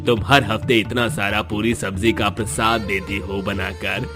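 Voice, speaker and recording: A man playing a kindly temple priest in a moral story, giving blessings in a benevolent, measured manner. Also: lowish voice, level tone, music in the background, natural voice. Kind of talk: acted Hindi moral story.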